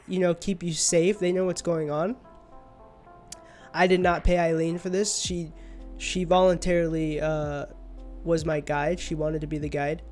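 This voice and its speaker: Young male streamer, sleepy and rambling, higher-pitched, soft music in background. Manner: rambling, drowsy, trailing off. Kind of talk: casual livestream chat. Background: faint music.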